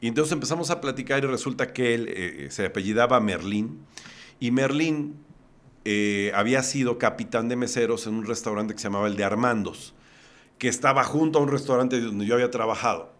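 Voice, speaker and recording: Mexican man, mid pitch, podcast guest, vivid scene-by-scene storyteller. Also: fairly quick, a bit bright. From Mexico, Puebla. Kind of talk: personal storytelling in conversation.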